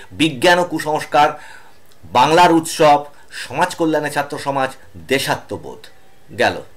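Male teacher, slightly high voice, reads lists steadily with filler pauses, online class. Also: fairly bright tone. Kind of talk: online exam-prep lesson.

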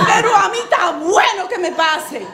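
A woman with a Dominican accent playing a loud, shameless, streetwise comic character who laughs through her story and keeps shouting "oh!" between lines. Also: extremely high pitch, expressive, moderate pace. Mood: boisterous. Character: brash streetwise woman, loud, shameless bus-dodging hustler. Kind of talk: stand-up comic monologue. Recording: echoey studio with background noise.

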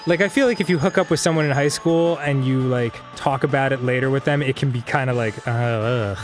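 A man's voice: mid-range voice, brisk, soft background music. Rambling man telling stories over gameplay. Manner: rambling storyteller, laughs often, mock-sings. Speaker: co-host. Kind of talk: let's play commentary, casual chat.

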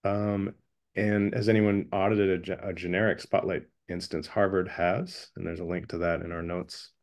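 A man reporting back from a breakout group in an online meeting, relaxed and full of fillers. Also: sits low, normal speed. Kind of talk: meeting report-out on a video call. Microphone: video call.

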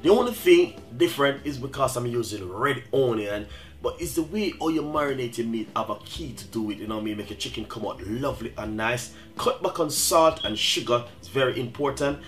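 A chatty middle-aged Jamaican man hosts his own cooking show, talking viewers through a recipe step by step. He keeps tossing in friendly asides to his audience. Background music plays clearly under his voice. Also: medium pitch, lively intonation, brisk, a bit bright. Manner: chatty, repeats "guys" and "you know what I mean". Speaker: cooking channel host. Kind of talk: casual cooking demonstration.

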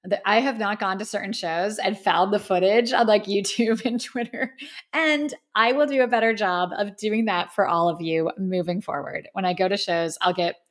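Speaking at normal speed with a medium-pitched voice, an American woman in her thirties airs her opinions on her solo podcast, earnest, emphatic and conversational. English is her first language, and she records in an indoor studio against a plain backdrop.

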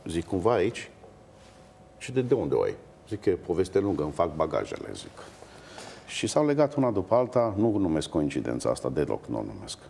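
A man's voice: sits low, gravelly, a little hiss or hum. A middle-aged man, an opera singer, telling stories with hesitations in a TV interview. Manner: animated anecdotes with hesitations. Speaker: guest, opera bass-baritone. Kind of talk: storytelling in a TV interview.

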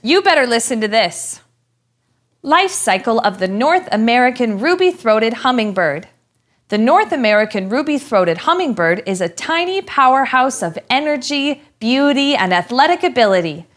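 A young woman playing a curious, cheerful student, reading aloud clearly and expressively in a scripted educational show. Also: on the high side, big pitch swings, moderate pace. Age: young adult.

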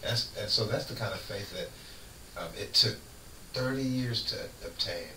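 Here a middle-aged man hosts a radio show, preaching about faith in a folksy, emphatic way and laughing a lot. He speaks on the low side at an unhurried pace. The studio sounds roomy, he's well off the mic, and a faint hiss runs underneath.

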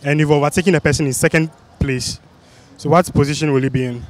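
Young man, West African accent, slightly high voice, street quiz host, outdoors. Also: steady tone, quick pace. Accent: West African, Ghanaian. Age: young adult. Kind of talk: street interview, repeated quiz questions. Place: busy outdoor spot under a city flyover. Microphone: handheld microphone.

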